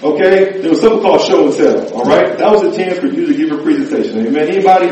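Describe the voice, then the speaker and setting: A fast-talking preacher with a slightly high, mellow voice delivers an animated sermon, joking around and often asking the congregation "amen?" and "right?" The distant mic captures the echo of the church hall.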